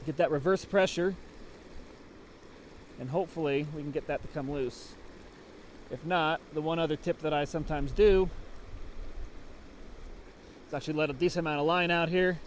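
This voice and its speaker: Fly fishing instructor, man, slightly high voice, casual outdoor demo with faint road noise. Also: steady tone, normal speed, pauses often. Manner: casual, explanatory, thinking aloud. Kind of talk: on-the-water instruction. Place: outdoors at a creek.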